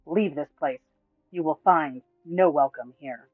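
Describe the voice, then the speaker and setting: A man voicing a stern, hostile male city guard who speaks slowly and forcefully with open contempt. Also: fairly high pitch, dry recording, soft background music. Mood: scornful. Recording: tinny, phone-like, dry.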